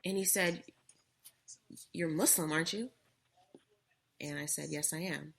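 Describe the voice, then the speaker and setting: A woman's voice: low voice, fairly even intonation, unhurried, vocal fry, slightly rough. A young adult woman co-hosting a casual talk show, earnestly telling a personal story.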